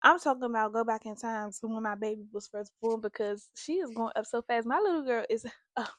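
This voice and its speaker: A woman's voice: fairly high pitch, a little fast, dry recording. A young woman hosting a candid, confessional vlog, talking earnestly and emotionally straight to her viewers. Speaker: host.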